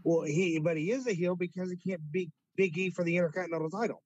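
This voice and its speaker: A man co-hosting a podcast, chatting casually about wrestling and quick to push back. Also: high voice, fairly even intonation, a little mellow, muffled recording, slight background noise. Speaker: podcast co-host.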